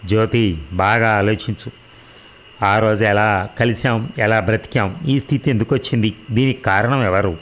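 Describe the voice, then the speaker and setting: A man's voice: fairly low pitch, steady tone, normal speed, fairly bright tone, natural voice. A man voicing an angry, wounded young husband in a read-aloud story, hot-tempered and pleading. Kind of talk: audio drama reading.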